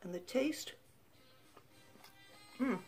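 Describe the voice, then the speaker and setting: A woman's voice: a little high, drawn-out words, breathy edge, soft background music. A woman hosting a home cooking show, chatting casually to the camera as she tastes her food. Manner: relaxed, chatty, tasting food while talking.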